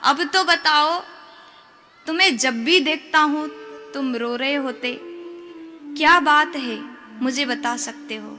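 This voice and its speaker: A woman's voice: sits high, slow pace, long pauses, sharp tone, soft background music, heavily acted. A woman storyteller voicing a young divine cowherd man who asks questions casually. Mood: curious.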